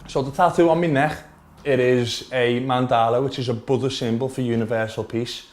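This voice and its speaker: In his small shop, a vape shop owner in his twenties from Liverpool earnestly explains his views at length for a documentary interview. His mid-range voice has a darkish tone and a steady delivery at normal speed, carrying a Liverpool accent.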